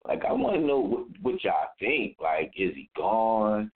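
A man's voice: lowish voice, very animated, a little slow. A man hosting a radio show, talking in a laid-back, slangy way. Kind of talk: casual radio talk. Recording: narrow phone-like sound.

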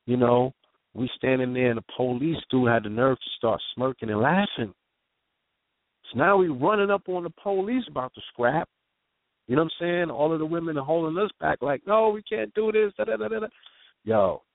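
A man's voice: medium pitch, normal speed, dry recording. A man telling an intense eyewitness story in casual street slang, often asking "you know what I'm saying". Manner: intense, vivid eyewitness retelling. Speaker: guest telling a personal story. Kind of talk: raw conversational storytelling. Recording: tinny phone line, dry.

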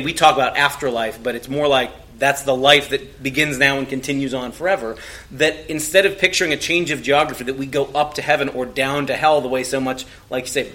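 A man's voice: medium pitch, bright, forceful tone. A man in a conversational theological discussion, talking discursively and rephrasing as he goes. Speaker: podcast panelist.

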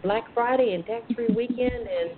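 A woman's voice: a little high, moderate pace, over a noisy crowd. A woman hosting a casual radio talk show in a chatty, sassy, bawdy manner. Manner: sassy, bawdy, uses endearments. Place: front porch at home. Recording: phone-like internet radio line with hiss.

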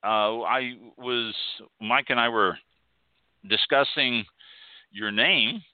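A man's voice: mid-range voice, slow, no echo. A man hosting a live radio wine show, chatting casually and laughing now and then. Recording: phone-line sound.

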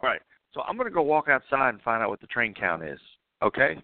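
A man hosting a casual live call-in show while roving outdoors at an event, talking with many fillers and restarts, coughing and clearing his throat now and then. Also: mid-range voice, very animated, quick pace, dry recording. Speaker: host. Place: outdoors at a railway depot event. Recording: tinny phone line, dry.

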